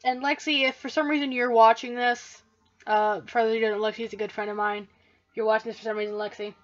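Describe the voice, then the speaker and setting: A woman's voice: on the high side, little pitch movement, fast talker, dull audio, soft background music. A woman hosting a let's play, giving casual gameplay commentary in a jokey, profane, self-mocking way.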